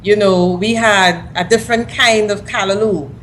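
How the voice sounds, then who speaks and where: A woman, a lawyer answering interview questions in a relaxed, chatty way, a little tired. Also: mid-range voice, slight background noise, low-quality recording. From Guyana. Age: 30s. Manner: chatty, relaxed, quick when listing. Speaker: lawyer, talk show guest.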